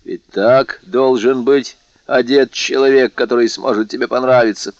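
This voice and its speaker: A man's voice: medium pitch, fairly even intonation, normal speed, no echo, natural voice. A man reading a poor, jealous young fisherman who speaks earnestly and insistently. The recording is dry and dull. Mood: pleading, jealous.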